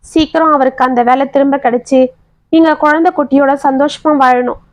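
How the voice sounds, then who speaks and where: A woman's voice: sits high, fairly even intonation, brisk, no echo, natural voice. A woman voicing a young wife in a story, speaking in an emotional, pleading way. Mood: grateful. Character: young wife, tearful and remorseful.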